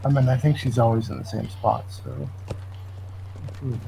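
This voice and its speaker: A man's voice: medium pitch, steady tone, moderate pace, creaky, dark tone, slight background noise, rough recording. A man talking casually during a video game in a laid-back, hesitant way. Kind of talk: casual chat while playing a video game.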